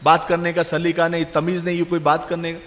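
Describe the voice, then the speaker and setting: A man's voice: a little high, monotone, fairly bright tone, voice pushed down, lightly acted. A man doing a pompous newly rich shopkeeper. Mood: indignant. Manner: indignant scolding, demanding respect. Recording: long hall reverb.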